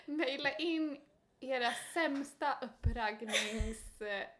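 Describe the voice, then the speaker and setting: A woman's voice: high-pitched, a bit bright. Woman co-host, echoey room. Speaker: podcast co-host. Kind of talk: casual chat.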